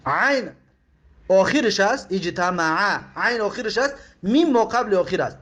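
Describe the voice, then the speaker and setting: High-voiced man teaching grammar, Tajik accent. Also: animated, fairly bright tone. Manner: slow, repeats words and asks pupils questions. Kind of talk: explaining lesson.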